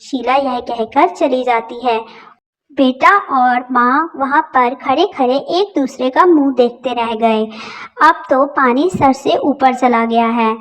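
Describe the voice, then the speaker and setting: High-voiced woman telling a story. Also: takes it slowly. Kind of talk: storytelling narration.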